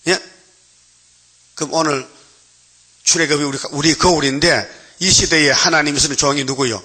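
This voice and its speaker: Bright-voiced man preaching a sermon. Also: on the high side. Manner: preaching with rhetorical questions to the congregation; acts out biblical voices in dialogue. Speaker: pastor. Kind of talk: dawn worship sermon.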